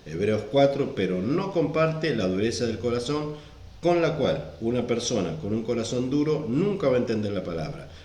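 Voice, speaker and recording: A man's voice: medium pitch, big pitch swings, normal speed, a little mellow. Preaching man in an echoey room. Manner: repeats and stresses verse references. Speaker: pastor. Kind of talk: sermon.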